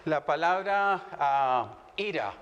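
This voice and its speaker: A man's voice: a little high, expressive, slow, a bit bright, dull audio, a little hiss or hum. A man working as interpreter, reading scripture aloud and echoing a teacher phrase by phrase. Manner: reads aloud, then echoes the teacher phrase by phrase. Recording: reverberant hall.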